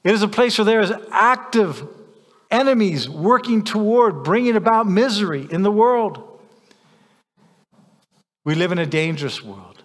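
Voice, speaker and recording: A man's voice: sits high, animated, unhurried, long pauses, long reverb tail. A man preaching a sermon as a pastor, stressing points by repeating phrases.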